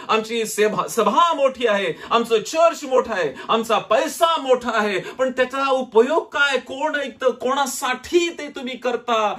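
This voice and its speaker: Male pastor, Marathi accent, high voice, dramatic sermon delivery with quiet low drops.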